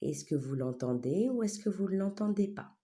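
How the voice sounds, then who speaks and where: A woman teacher, leading a phonics lesson for young children, stretching sounds slowly and often checking that they follow. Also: lowish voice, expressive, dark tone. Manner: slow, exaggerated syllables with a wide smile; patient, checks understanding often.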